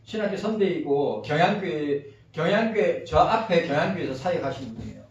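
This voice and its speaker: A man's voice: on the high side, animated, fairly quick, a little hiss or hum. A male pastor preaching a sermon, reading a text aloud and asking the congregation questions in between. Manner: conversational, asks the congregation questions. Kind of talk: sermon with read-aloud passage. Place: church sanctuary. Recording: echoey, distant, dull sound.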